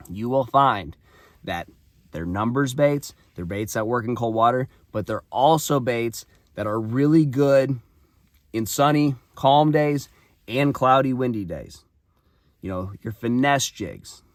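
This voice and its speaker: A hoarse man with a raspy voice, giving practical fishing advice straight to his viewers in a casual vlog. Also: medium pitch, dry recording, studio quality. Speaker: fishing channel host.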